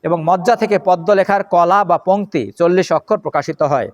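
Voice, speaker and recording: In a devotional scripture lecture, a male religious lecturer with a high voice chants mantras at a slow pace, explains their pronunciation, and questions his listeners. The audio sounds dull.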